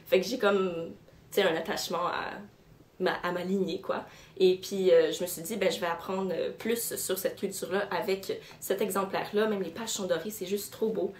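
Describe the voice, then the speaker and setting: Chatty Québécois woman in an echoey room. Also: mid-range voice. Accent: Québécois French. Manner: chatty, many fillers and self-corrections. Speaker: book vlogger. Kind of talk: casual book haul chat. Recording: roomy echo in a room.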